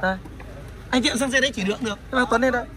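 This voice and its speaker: A man from the north of the country, showing off a motorbike for sale in a casual vlog, with fast salesman patter and short repeated tags. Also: very high voice, crowd noise. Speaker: motorbike dealer vlogger.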